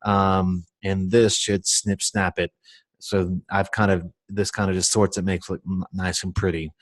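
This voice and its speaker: A man's voice: low-pitched, little pitch movement, unhurried, dry recording. A man giving a casual screen-share tutorial on search marketing, rambling with lots of fillers and self-mocking asides. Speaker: SEO instructor.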